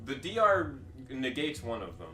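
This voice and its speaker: A man's voice: medium pitch, wildly swooping pitch, normal speed, pushed and bright, distant mic, faint music behind. A man playing a tabletop game, bantering casually with sarcastic remarks and swearing, recorded off mic in an echoey room.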